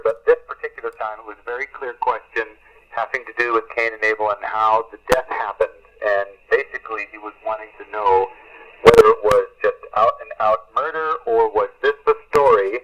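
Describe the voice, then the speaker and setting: A man giving an earnest, unhurried field report over a walkie-talkie radio link, ending each turn with "over" and often pausing with "uh". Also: lowish voice. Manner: earnest, unhurried, with many "uh" fillers. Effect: heard over a walkie-talkie radio link. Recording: dull lo-fi radio transmission.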